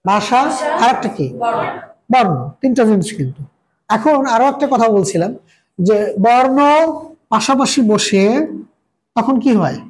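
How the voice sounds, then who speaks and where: A man's voice: high-pitched, animated, a little slow, long pauses, a little hiss or hum, poor audio. A male teacher leads a classroom grammar lecture. He repeats his points in a call-and-response pattern, posing a question and then giving the answer himself.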